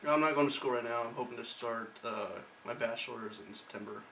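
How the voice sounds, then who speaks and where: A man's voice: medium pitch, fairly quick, gravelly, pushed and bright, roomy sound, distant mic, slight background noise. A man in his twenties introducing himself hesitantly as a game tester. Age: 20s.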